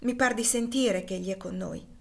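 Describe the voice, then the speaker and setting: A young mother on the run, tender and full of hope, as a woman reads her lines in an audiobook. Her voice sits in a middle pitch and lifts with feeling when she pleads. The delivery is emotional but gentle. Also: a little fast, creaky, natural voice. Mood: hopeful tender. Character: young woman escaping slavery, hopeful. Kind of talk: audiobook dialogue.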